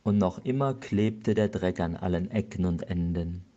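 A male pastor giving a slow, measured Advent sermon. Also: low voice, mellow, dull audio.

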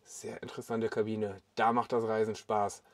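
A man, interviewing a builder in a relaxed, casual way and often pausing with short hesitations. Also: fairly low pitch, no echo. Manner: relaxed, asks with hesitations "äh", "ähm". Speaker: video host interviewing. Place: inside a small pickup camper cabin.

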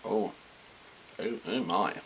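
A man's voice: lowish voice, slow pace, fairly bright tone, low-quality recording. A man in a casual taste-test vlog, talking with his mouth full, rambling and joking between bites. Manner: rambling, jokey, chewing while talking. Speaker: food vlogger. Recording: hissy home recording.

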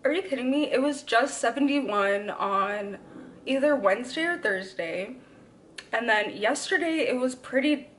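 A woman's voice: fairly high pitch, lively intonation, measured pace, a bit bright, slight background noise. Young woman chatting to her vlog cam, bit of a lisp, lots of y'all and like. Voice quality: slight lisp from a retainer. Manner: chatty, says y'all and like often. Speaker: vlogger. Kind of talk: casual vlog chat.

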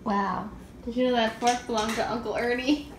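High-voiced young mom vlogging. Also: female voice, steady tone, moderate pace, a little hiss or hum. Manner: chatty, asks a toddler questions. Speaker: mother and vlog host. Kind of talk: casual home vlog chat.

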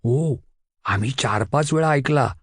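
A man's voice: mid-range voice, measured pace, breathy edge, no echo, clean studio sound. A man voicing an earnest schoolboy friend who talks in a plain, conspiratorial way.

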